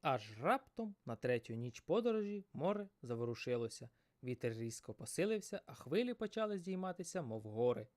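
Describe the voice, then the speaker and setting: Storyteller, male, dramatic fairy tale narration, very animated intonation. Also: mid-range voice, fairly quick. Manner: expressive, dramatic.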